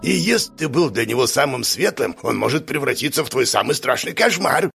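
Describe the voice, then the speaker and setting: A man's voice: animated, brisk, gravelly, fairly bright tone, slightly rough, soft background music, full character voice. A man narrating a story voices an old, eccentric exorcist who mocks and lectures theatrically. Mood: ominous lecturing. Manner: mocking, theatrical, high-pitched. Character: old eccentric male exorcist, mocking and sardonic.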